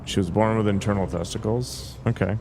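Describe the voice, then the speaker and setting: Over music, a let's play streamer chats casually through his game, musing aloud with fillers and trailing thoughts. His voice is lowish and fairly even in intonation, and he talks briskly.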